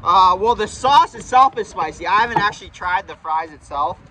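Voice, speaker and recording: A young man hosting a casual fast food review vlog outdoors, chatty and jokey, talking straight to his viewers. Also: high-pitched, lively intonation, a crowd in the background, low-quality recording.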